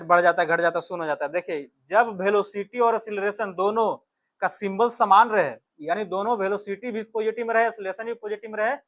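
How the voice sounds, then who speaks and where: A man with an Indian accent teaches a physics exam lesson, working through questions, repeating key phrases and checking in with short tags. His voice is high-pitched and a bit bright.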